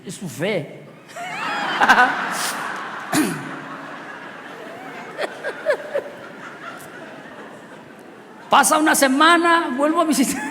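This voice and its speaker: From the pulpit, a Mexican preacher with an extremely high-pitched, gravelly voice delivers a storytelling sermon. He's animated, laughs often, and jumps from loud outbursts to quiet, chuckling asides. A big hall gives his words a long reverb tail, and faint hiss sits beneath.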